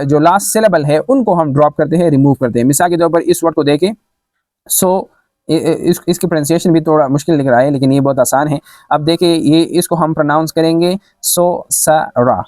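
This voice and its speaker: A man's voice: a little high, darkish tone, no room sound, studio quality. A man teaching English grammar, spelling words out letter by letter with many fillers. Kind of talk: explaining a grammar lesson.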